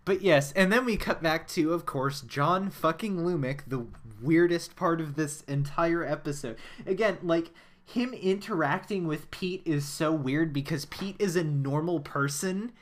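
A talkative American man co-hosting a casual podcast, with a voice sitting a bit high for a man. He rambles through his thoughts, swears freely and breaks into laughter often. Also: unhurried. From United States. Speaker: podcast co-host. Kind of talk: casual chat.

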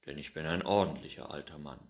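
A man's voice: rumbling low, quick pace. Pettersson, a grumbling old farmer, as a man reads him. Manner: grumbling and scolding.

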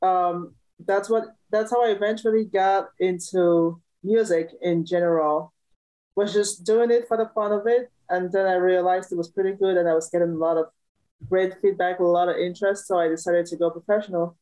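A woman's voice: lowish voice, fairly even intonation, normal speed, dark tone, poor audio. A woman from Cameroon, a musician guest in a casual interview, talking cheerfully and laughing often.

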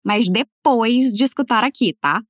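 Uma mulher dando aula de inglês em português, falando devagar e articulando as frases com cuidado para o aluno repetir. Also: female voice, a little high, dry recording, studio quality. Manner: slow, careful over-articulated model phrases. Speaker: English teacher. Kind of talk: language lesson, repeat-after-me drills.

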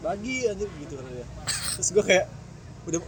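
Fast-talking Jakarta young man, high voice. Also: a crowd in the background. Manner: slangy, animated storytelling that acts out quoted exchanges. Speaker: storyteller. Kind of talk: casual chat.

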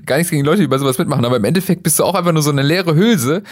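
A man's voice: a little high, rapid-fire, no echo, clean studio sound. A young man co-hosting a casual podcast chat, joking sarcastically and laughing often. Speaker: podcast co-host.

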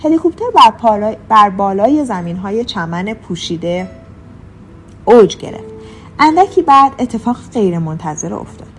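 A woman narrating an audiobook in an even, measured storytelling manner. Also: medium pitch, a little hiss or hum. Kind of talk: scripted narration. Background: faint music.

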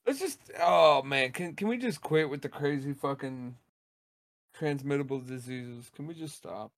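A man's voice: mid-range voice, normal speed, gravelly, no room sound. A man co-hosting a podcast, ranting bluntly and swearing in casual chat. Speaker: podcast co-host.

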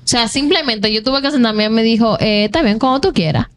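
A woman's voice: fairly high pitch, a little fast. A woman co-hosting a podcast, talking earnestly in casual chat and addressing the listeners directly. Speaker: podcast co-host.

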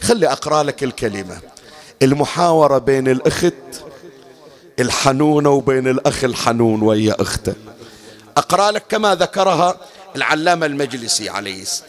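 A man's voice: medium pitch, lively intonation, fairly quick. A male preacher with an Iraqi accent, narrating a religious story dramatically in a sermon, with sing-song rises. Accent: Iraqi Arabic. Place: mosque or gathering hall.

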